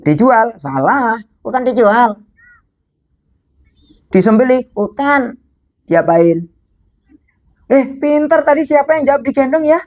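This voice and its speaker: Lively woman telling children a story. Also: on the high side, slow pace, pauses often. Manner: lively, asks children questions, animal sounds.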